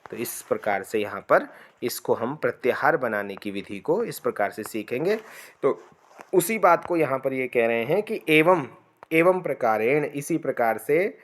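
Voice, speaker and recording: A man's voice: mid-range voice, expressive. A man teaching Sanskrit grammar in a spoken classroom lecture. He keeps checking in with "है ना" and "ठीक है" and draws out the sutras and vowel lengths in a chant. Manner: slow explanatory delivery with frequent "है ना" and "ठीक है" check-ins.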